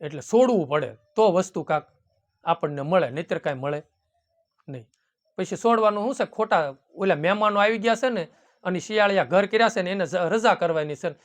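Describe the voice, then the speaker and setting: High-voiced preacher. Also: male voice, fairly quick. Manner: folksy, keeps addressing listeners as "bapu" and "ram"; quotes devotional hymn verses. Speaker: satsang preacher. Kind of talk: devotional sermon.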